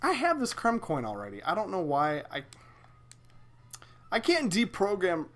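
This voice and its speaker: Lively young man chatting while gaming. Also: sits high, unhurried. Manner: animated, swears often, exclaims at the game. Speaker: game streamer. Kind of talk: casual chat while streaming a video game.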